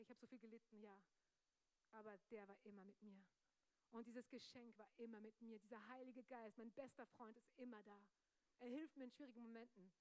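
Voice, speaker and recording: A woman's voice: fairly high pitch, darkish tone. A woman pastor preaching a charismatic sermon with fervent repetition, putting direct questions to the congregation and mixing English words into her German. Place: church service.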